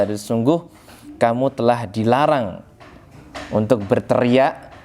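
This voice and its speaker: A man leads a study lesson on a classical text. His voice sits at an ordinary middle pitch, and he reads out Arabic lines before unpacking them phrase by phrase. He speaks conversationally, often turning to his listeners and addressing them as sir. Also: a little mellow. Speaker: religious teacher.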